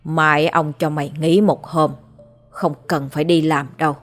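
A coarse, domineering old rich landlord, read by a woman narrator in a storybook horror tale. The voice sits a little low and barks orders in a gruff, slurring way. Quiet music runs faintly beneath. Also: little pitch movement, unhurried.

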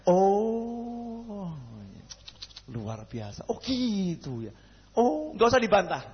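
A man's voice: sits high, extremely slow, in a large hall, muffled recording. A man with a Javanese accent preaching a sermon, who keeps asking the crowd questions and joking. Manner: questions the crowd, jokey, lively. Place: mosque hall.

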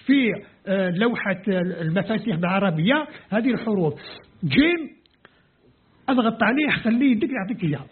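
Heard through tinny, phone-quality lo-fi audio, a man with a high-pitched, slightly rough voice gives an explanatory lecture. Originally a Kabyle speaker from Algeria, he uses Algerian-accented Arabic and sounds out letters and words one step at a time.

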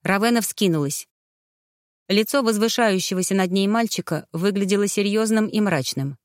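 A woman narrating a fantasy audiobook in an expressive, dramatic storytelling manner. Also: mid-range voice, moderate pace, dry recording, clean studio sound.

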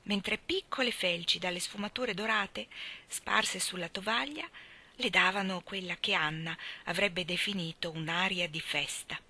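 A woman narrating a novel as an audiobook in a measured, gentle storytelling manner. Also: lowish voice, husky.

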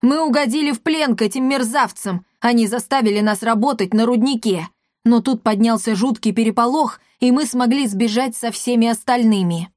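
A woman's voice: a little high, moderate pace, darkish tone, dry recording, natural voice. Woman doing a fussy male apothecary, chatty and raised, dry storybook read. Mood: relieved.

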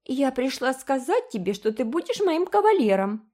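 A woman's voice: high voice, very animated, normal speed, mellow, pitched above the performer's own voice. A woman voicing a haughty, stubborn little girl who insists on getting her way, in a storybook reading. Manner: insistent, then tearful shrieking.

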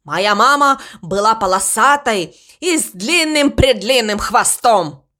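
A woman's voice: on the high side, animated, slow pace, sharp tone, heavily acted. A woman voicing a boastful male raven who pretends to be a tiger, growling and swaggering in a storybook reading. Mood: fierce.

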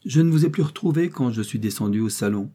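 A man's voice: medium pitch, lively intonation, fast talker, mellow, slightly rough. A man voicing a sly, impertinent young woman. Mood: insinuating. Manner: sly and insinuating.

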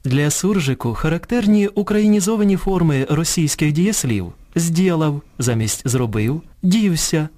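Lively, higher-voiced male radio presenter. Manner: measured reading that contrasts correct and incorrect forms one by one. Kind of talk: scripted educational radio narration. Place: radio studio.

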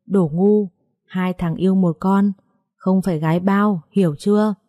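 A woman's voice: mid-range voice, fairly even intonation, measured pace, warm tone, no echo, studio quality, lightly acted. A woman voicing a blunt, exasperated young male surgeon in an audiobook story.

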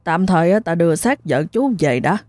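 A woman voicing an older male village chief who speaks in a brisk, commanding way. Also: fairly low pitch, big pitch swings, darkish tone, no echo. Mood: grave.

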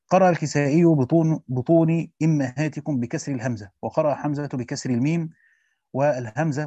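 A man's voice: medium pitch, darkish tone, dry recording. A man reading a classical commentary aloud and stopping to explain it in plain speech, like a teacher. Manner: reads fast, stops to explain in Egyptian Arabic. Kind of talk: reading a classical text aloud with spoken asides. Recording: dull dry lo-fi recording.

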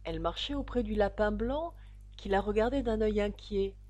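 Husky-voiced woman reading a storybook. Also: medium pitch, normal speed. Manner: expressive, dramatic reading. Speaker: audiobook narrator. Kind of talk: storybook narration.

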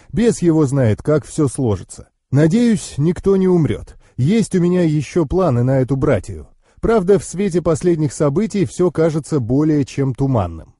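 A man reading a fantasy audiobook in the first person, with steady, expressive storytelling. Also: on the high side, no room sound, clean studio sound. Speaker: audiobook narrator.

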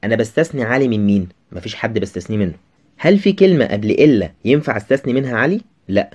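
A man with an Egyptian Arabic accent runs through a grammar lesson at breakneck speed. His pitch sits in the middle, and he keeps the talk chatty, firing questions at the student. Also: very animated, racing, darkish tone, husky, muffled recording.

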